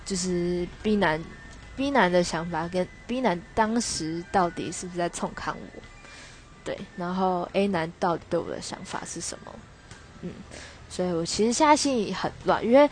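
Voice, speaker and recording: A woman's voice: fairly low pitch, moderate pace, soft background music. A young woman hosts a podcast, telling a personal story in a rambling, hesitant way that keeps correcting itself. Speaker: podcast host.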